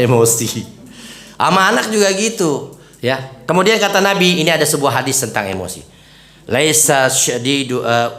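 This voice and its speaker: A male preacher speaks to a women's study group. His voice swings from low murmurs to sudden high peaks as he acts out homely scenes. The room around him echoes. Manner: lively, swings pitch high to stress points, acts out little scenes.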